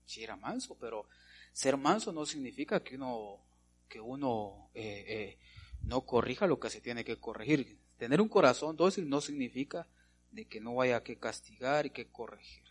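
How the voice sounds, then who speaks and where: A man's voice: mid-range voice, expressive, moderate pace, slight background noise. A male pastor preaching a sermon, punctuating his points with repeated amens and rhetorical questions to the congregation.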